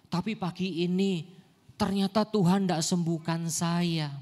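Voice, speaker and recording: A man's voice: high-pitched, steady tone, measured pace, darkish tone, voice pushed up. A man voicing a small sick child with a cold, complaining plaintively. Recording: echoey church hall.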